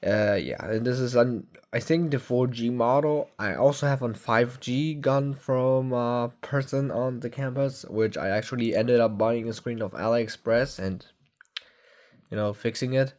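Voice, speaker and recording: A young man of about nineteen talks through his phone collection at home in a loose, unscripted way. His voice sits at an ordinary middle pitch, and he stumbles, restarts and fills gaps with "uh" and "like" as he goes. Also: darkish tone. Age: young adult. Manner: rambling, halting, many fillers and self-corrections. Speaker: tech vlogger. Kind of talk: casual phone review.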